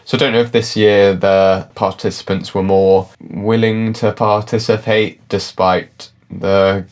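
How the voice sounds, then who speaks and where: A man's voice: lowish voice, flat delivery, unhurried. A man, a classically trained musician, giving casual reaction commentary and musical analysis in a chatty, hedging way, often saying "like". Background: faint music from the reacted video.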